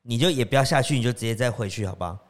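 A man's voice: mid-range voice, very fast. A man from Taiwan co-hosting a casual podcast chat, chiming in with short replies and finishing his partner's sentences. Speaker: podcast co-host.

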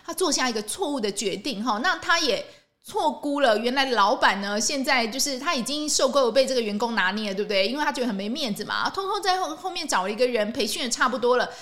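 A woman's voice: on the high side, lively intonation, fast talker. Casual woman podcast host. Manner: ends phrases with a soft "ha" tag, asks rhetorical questions. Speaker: medical worker. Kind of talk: casual solo podcast advice talk.

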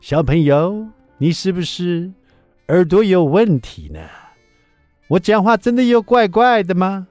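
A man's voice: sits high, big pitch swings, a little mellow, no echo, faint music behind, pitched above the performer's own voice. A man putting on a goofy mock foreign accent in Mandarin, speaking in an exaggerated sing-song way. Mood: teasing, mock-innocent. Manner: exaggerated sing-song, stretched slow words.

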